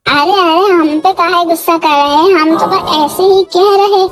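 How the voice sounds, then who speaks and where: A man's voice: very high-pitched, steady tone, unhurried, a bit bright, pitched above the performer's own voice. A man voicing a fussy male cartoon peacemaker who keeps begging two quarrelling men to let it go. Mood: defensive. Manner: pleading, soothing, repeats "arey arey". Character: shrill fussy male peacemaker trying to calm a fight. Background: background music.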